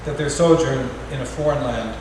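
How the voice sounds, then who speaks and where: Reading a poem at a farewell event, the parish's middle-aged American artist in residence speaks in a mid-range voice, gently and wryly, pausing as he goes. The sound is distant and noisy, caught across a large echoing parish hall.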